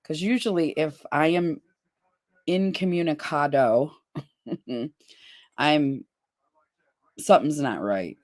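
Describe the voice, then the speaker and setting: A woman's voice: low-pitched, slow pace, long pauses, a little mellow. A woman in her fifties hosting a casual livestream chat, reading viewers' comments aloud. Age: 50s. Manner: chatty, reads viewer comments aloud with laughs. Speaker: livestream host.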